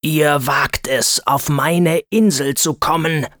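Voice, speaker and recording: A huge male dragon from a storybook, roaring his threats in a slow, drawn-out way, as a man puts him on. He is a coward under the bluster, and his voice sounds dry and close with no room around it. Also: on the high side, steady tone, fairly bright tone, no echo. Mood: menacing.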